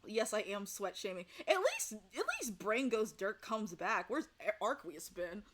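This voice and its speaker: A woman's voice: medium pitch, sing-song, measured pace, a bit bright. A woman hosting a casual online fan panel game, rambling and laughing as she talks. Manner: rambling, laughing, self-correcting. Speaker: game host. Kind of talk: casual chat on a livestream panel.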